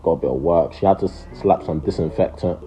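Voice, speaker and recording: Deep London roadman commentator. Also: quick pace, lo-fi sound, over music. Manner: roadman slang-heavy delivery. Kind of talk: casual comedic voice-over commentary.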